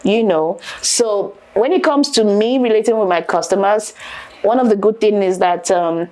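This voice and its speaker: A woman with an African accent talks as a guest in a casual podcast interview. She is animated and laughs often. She repeats words as she gets into a point. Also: mid-range voice, moderate pace. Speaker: guest, interior decorator and entrepreneur.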